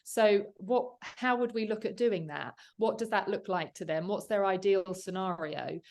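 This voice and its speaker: A woman who is a commercial solicitor appears as a guest in a conversational interview, explaining things earnestly with frequent fillers and restarts. Her mid-range voice moves at a moderate pace.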